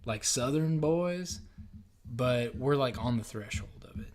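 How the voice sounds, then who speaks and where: A man's voice: mid-range voice, expressive, a little slow, darkish tone. A man, co-hosting a casual podcast and telling rambling stories with casual swearing. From Missouri, USA. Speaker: podcast co-host. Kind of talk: casual chat.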